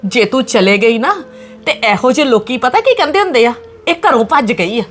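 A woman's voice: a little high, lively intonation, normal speed, slight background noise, lightly acted. A woman with a Punjabi accent playing a worried mother who pleads earnestly with her married daughter. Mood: pleading. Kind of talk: family drama acting.

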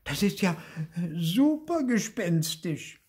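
A man's voice: high voice, very animated, takes it slowly, a little mellow, breathy edge, voice pushed up, exaggerated voice. An older man reading aloud and voicing a bold, sensible young ghost girl. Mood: brisk.

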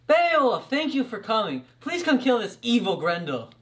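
A man's voice: extremely high pitch, sing-song, normal speed, very noisy. A young man playing a panicky, whiny medieval Danish king in an amateur comedy sketch. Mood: pleading, impatient. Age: young adult.

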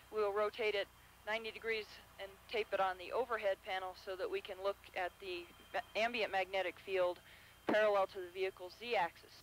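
A woman astronaut explaining an onboard experiment in a clear, methodical way. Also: mid-range voice, fairly bright tone, slight background noise, rough recording.

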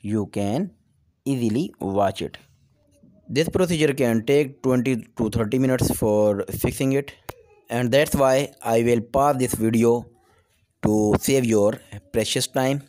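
A man's voice: mid-range voice, a little slow, warm tone. Pakistani-accented man giving repair instructions. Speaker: technical tutorial host.

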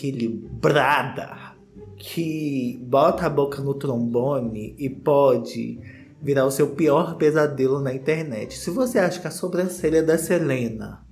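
A man's voice: medium pitch, measured pace, a little mellow, soft background music. A man in his thirties with a Brazilian accent, giving casual gossip commentary in a sassy, theatrical, slangy way. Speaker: commentary video host. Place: small indoor home studio.

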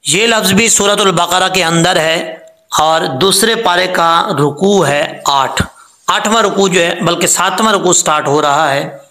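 A man explains recitation rules step by step, stopping to draw out example words slowly. His voice sits high and bright, with a gravelly edge. The room around him rings with echo. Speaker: Quran recitation teacher. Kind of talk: tajweed lesson.

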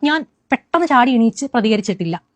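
Rapid-talking young woman. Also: fairly high pitch, dry recording. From Kerala, India. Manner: rapid, animated retelling with many restarts. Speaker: eyewitness recounting an incident. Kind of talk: first-person account.

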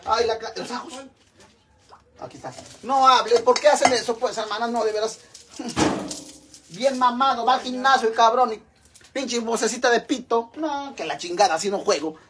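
A woman's voice: a little high, normal speed, background noise. A middle-aged woman with a Mexican accent, hosting a crude, joking live-stream cooking chat from her home kitchen and calling her viewers sisters. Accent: Mexican Spanish.

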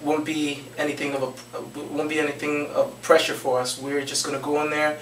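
Young male footballer, post-game interview, flat steady delivery, mid-high voice, roomy office, mic a bit far off. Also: normal speed. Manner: steady, earnest, repeats phrases and restarts with um. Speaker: soccer forward, interviewee. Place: small office with trophy shelves, indoors. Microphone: handheld mic held out by interviewer. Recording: echoey room, mic a bit far, faint noise.

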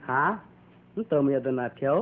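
A man's voice: brisk, natural voice. A man acting in an amateur drama, talking casually with a bantering manner. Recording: tinny lo-fi with faint guitar.

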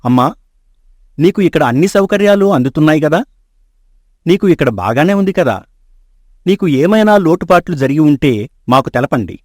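A woman's voice: low-pitched, expressive, moderate pace, long pauses, a little mellow, no room sound, studio quality, voice pushed down. A woman voicing a dutiful, courteous royal minister in a storybook tale, speaking politely and deferentially.

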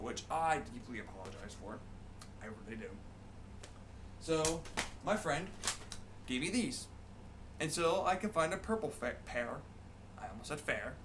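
A man in his twenties giving an informal, rambling, sweary video-blog talk in a room at home. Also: mid-range voice. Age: 20s. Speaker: gaming video creator. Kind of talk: casual rambling vlog. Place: home bedroom, indoors. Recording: clear background noise.

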